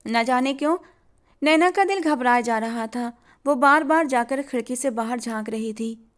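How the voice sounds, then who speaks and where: A woman storyteller narrating a scripted family drama. Her reading is steady and expressive, in a fairly high voice. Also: a little slow.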